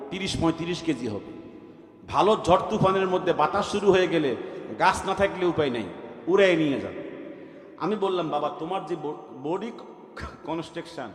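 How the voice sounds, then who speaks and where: Echoey preacher telling a story. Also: male voice, on the high side. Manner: lively storytelling, swings from loud to quiet, asks the crowd questions. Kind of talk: Bengali waz sermon with storytelling. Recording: echoey, reverberant venue.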